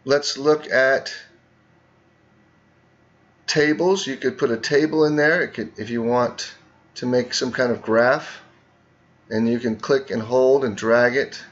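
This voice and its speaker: A man's voice: medium pitch, steady tone, takes it slowly, long pauses, highs cut off. A man teaching students, narrating a screen tutorial and talking through each click step by step.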